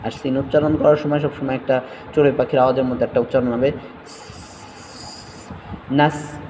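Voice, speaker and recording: A man teaching Quran recitation, spelling out letters syllable by syllable and chanting verses slowly between quick explanations. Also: medium pitch, steady tone, dark tone, big-room sound, a little hiss or hum, poor audio.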